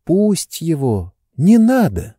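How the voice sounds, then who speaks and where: A man's voice: a little high, wildly swooping pitch, slow pace, mellow, no echo, studio quality, pitched above the performer's own voice, heavily acted. A man reading an audiobook, voicing a playful, teasing young woman with a capricious manner.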